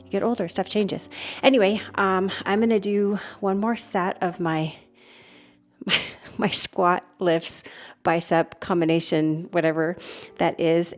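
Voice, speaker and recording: A middle-aged woman from the United States chatting casually through a home vlog, meandering from one thing to the next as she shows her house. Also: fairly low pitch. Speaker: author vlogging her day.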